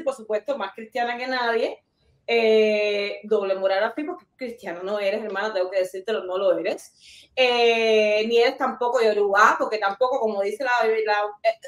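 A woman hosting a talk show, giving animated, scolding commentary. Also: a little high. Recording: roomy, distant mic.

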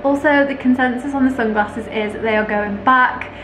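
Young girl rambling to her camera in the car, voice a bit high, faint hum behind. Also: fairly even intonation, moderate pace. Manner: chatty and rambling, light and upbeat. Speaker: vlogger. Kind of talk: casual vlog chat to camera. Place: parked car, then a home indoors. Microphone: camera held at arm's length.

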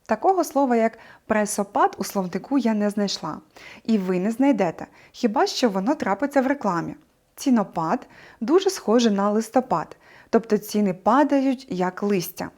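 A woman teacher giving a scripted video lesson, explaining clearly and expressively and asking the class rhetorical questions. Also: mid-range voice, animated, normal speed, darkish tone.

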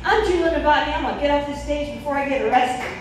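High-pitched and fast, a middle-aged stand-up comedian rips through a brash, profane, opinion-heavy routine on a small club stage, handheld mic in hand. The audience recording is distant, strongly echoey and faintly noisy.

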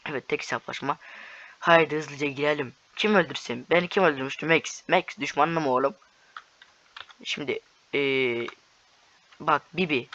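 A young man giving casual, excitable commentary over his own gameplay, taunting opponents as he plays. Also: on the high side, moderate pace, pauses often. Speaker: gaming YouTuber. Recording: slightly dull lo-fi sound.

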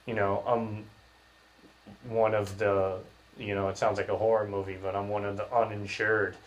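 Podcast host, male, 30s, lowish voice, jaw wired shut so words come through clenched teeth, loose slangy rambling chat. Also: level tone, moderate pace, poor audio. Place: small bare room, indoors.

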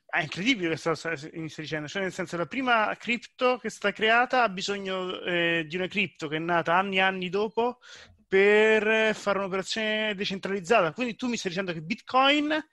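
A man with a high, bright voice jumps in with questions and anecdotes, animated and quick to react. The sound is dry and close to the mic. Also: dry recording. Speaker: podcast co-host. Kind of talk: casual panel discussion.

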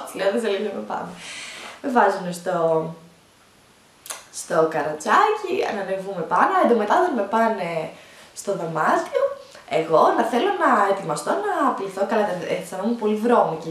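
A young woman vlogger telling the story of her childbirth, animated and laughing often as she talks. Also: medium pitch. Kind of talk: storytime vlog, recounting childbirth. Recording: echoey room, voice from a distance.

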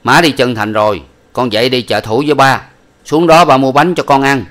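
A man reading a storybook aloud, voicing a coarse, bossy rustic stepfather who gives loud, curt orders. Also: medium pitch, steady tone, a little fast, voice pushed up, lightly acted.

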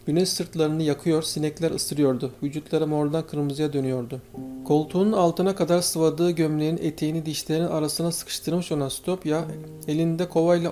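A male audiobook narrator reads in a steady, measured storytelling manner. His voice sits slightly high yet sounds mellow and warm, with faint guitar music beneath. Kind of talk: scripted narration.

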